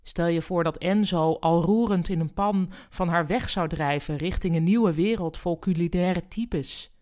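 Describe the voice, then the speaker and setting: Woman calmly reading a story aloud. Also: fairly low pitch, a little slow. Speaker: podcast host and reader.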